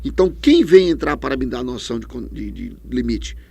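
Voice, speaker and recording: A middle-aged Brazilian man lectures on grammar and fires questions at his students before he answers them himself. His voice is gravelly and a little husky, and his pitch swings widely as he stresses each point. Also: big pitch swings, brisk, darkish tone. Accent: Brazilian Portuguese. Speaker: teacher. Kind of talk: distance-learning grammar lecture.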